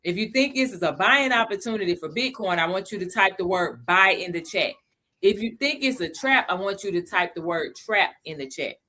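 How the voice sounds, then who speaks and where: Her voice is medium in pitch, animated, and sharp as she leads a relaxed livestream lesson on crypto. Calling out viewers by name and chatting with them, she eases her pace whenever a key point needs emphasis.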